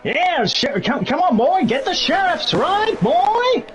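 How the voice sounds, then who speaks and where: A man voicing a loud, brash, bossy American sheriff with a put-on Southern accent, commentating on races in a shouty, folksy way. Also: very high voice, sing-song, slow pace, music in the background, full character voice. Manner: shouty, folksy, bombastic drawl. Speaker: guest race commentator. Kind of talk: in-character sim racing commentary.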